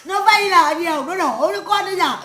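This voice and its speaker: A woman's voice: extremely high pitch, brisk, bright, forceful tone. A woman medium voicing the spirit of a stern old great-grandmother in a séance, scolding her family in a harsh, crude tirade full of curses. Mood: ranting. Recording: echoey room.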